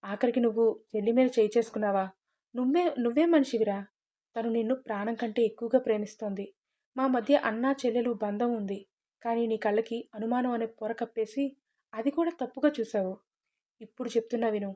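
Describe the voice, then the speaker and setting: A furious young man berates his friend in a loud, scolding voice, as a woman acts him out, pitched somewhat high for a man. The storybook recording sounds slightly muffled and lo-fi. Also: brisk, close to an everyday voice. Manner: shouting, scolding. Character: angry young man, protective loyal friend.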